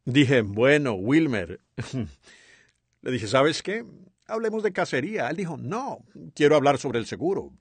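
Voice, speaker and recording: Man voicing a lively sermon dub. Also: medium pitch, unhurried, husky, dry recording. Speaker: sermon interpreter. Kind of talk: dubbed voice-over of a sermon.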